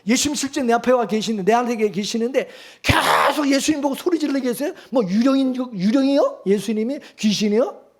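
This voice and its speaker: A male pastor preaching a sermon, firing rhetorical questions at the congregation and swinging from loud urging to hushed calm. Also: very high voice, fairly quick.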